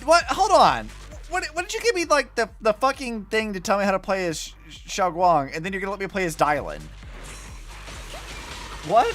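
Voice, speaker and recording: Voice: medium pitch, lively intonation, moderate pace, a bit bright, faint music behind. A VTuber streamer giving casual, wry gameplay commentary, thinking aloud.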